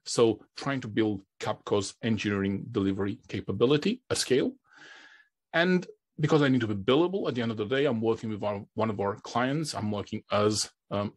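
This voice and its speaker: Husky-voiced man giving a talk. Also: lowish voice. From Romania. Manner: repeats words and restarts phrases often. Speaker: conference speaker. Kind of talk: conference presentation.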